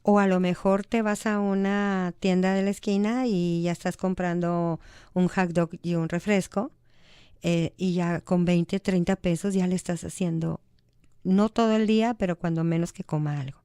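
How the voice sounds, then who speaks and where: A woman's voice: lowish voice, steady tone, normal speed, mellow, clean tone, no echo, studio quality. A woman with a Mexican accent, a human rights advocate speaking earnestly as a guest on a radio talk show. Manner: earnest, conversational, acts out quoted dialogue. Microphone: studio microphone.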